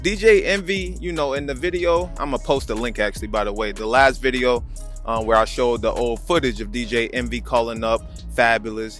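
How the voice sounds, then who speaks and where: Over background music, a channel host with an American accent chats about a video clip in a loose, slangy, conversational way. He speaks at a medium pitch with a fairly bright tone.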